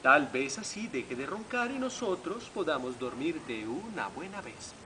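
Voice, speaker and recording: A man's voice: fairly high pitch, very animated, unhurried, recorded from a distance. A man voicing a worried, sleepless male cat who keeps asking how to stop the snoring. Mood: hopeful. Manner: puzzled, asking the listeners for ideas. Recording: noisy home video recording.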